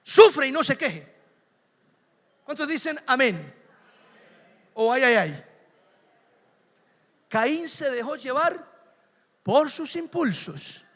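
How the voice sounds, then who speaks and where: Guy preaching, really high bright voice, gets loud then quiet, big echoey church. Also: sing-song, slow pace, long pauses. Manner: emphatic, swings from soft to shouting. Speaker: pastor. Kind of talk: sermon. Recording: long church reverb.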